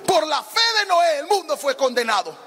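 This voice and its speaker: A man's voice: very high-pitched, fairly bright tone. A man preaching a fervent sermon as a pastor, often lifting his phrases into a half-sung cadence.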